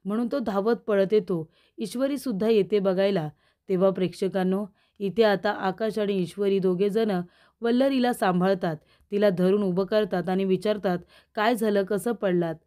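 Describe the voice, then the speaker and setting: A woman's voice: medium pitch, moderate pace, mellow. A woman narrating a TV serial episode recap, addressing the viewers directly as she retells each scene.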